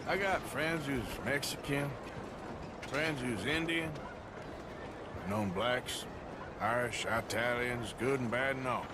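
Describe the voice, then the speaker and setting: An actor playing a gruff, laconic wandering outlaw in a video game. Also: male voice, medium pitch, takes it slowly, long pauses, heavy background noise, close to an everyday voice. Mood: dry.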